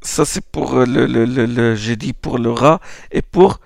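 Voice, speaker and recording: Slow, gravelly-voiced man teaching pronunciation. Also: medium pitch, dry recording, studio quality. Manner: hesitant, repeats words, checks with "hmm?"; demonstrates Arabic letter sounds aloud. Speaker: Quran recitation teacher. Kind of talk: slow classroom explanation.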